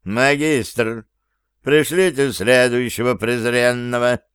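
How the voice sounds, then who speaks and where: A man's voice: mid-range voice, fairly even intonation, slow pace, a bit bright, clean tone, no room sound, clean studio sound. A man voicing a haughty elf professor who speaks with icy contempt.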